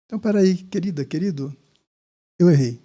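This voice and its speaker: A man's voice: sits high, brisk, mellow. A man with a Brazilian Portuguese accent, a pastor giving emphatic advice in a podcast conversation.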